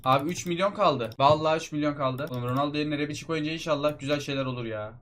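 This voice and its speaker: A young man rattles off excitable commentary as he plays a mobile football game, addressing his viewers like old friends. His delivery is rapid and restless, and his voice sits a little high.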